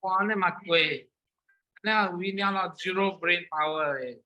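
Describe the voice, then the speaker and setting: A man's voice: high voice, unhurried, pushed and bright, dull audio. A man with a Singaporean accent chatting casually and bluntly in clipped Singlish, slipping between languages. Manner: blunt, clipped, code-switching into Mandarin.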